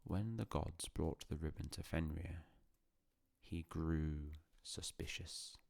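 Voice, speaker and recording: Very deep, slow bedtime storyteller man. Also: gravelly, dry recording. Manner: hushed, solemn, unhurried with long pauses. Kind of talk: calm bedtime storytelling, scripted narration.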